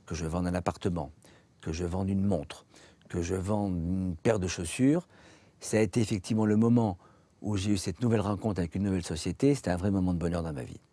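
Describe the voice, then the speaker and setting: In a dry recording, a low, mellow-voiced man in his forties, a shoe salesman with a French accent, shares a heartfelt, thoughtful account of his life. He chooses his words carefully and pauses between phrases.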